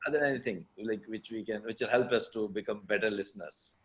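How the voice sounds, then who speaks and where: A man hosting an interview, asking halting questions with many fillers. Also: fairly low pitch, a bit bright. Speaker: host.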